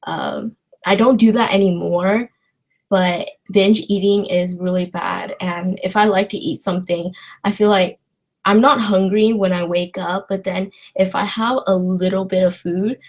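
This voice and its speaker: With an unhurried pace and fairly even intonation, her mid-range voice comes across as a little mellow. She's a young woman from China hosting a casual livestream, answering viewer questions in a hesitant, rambling style.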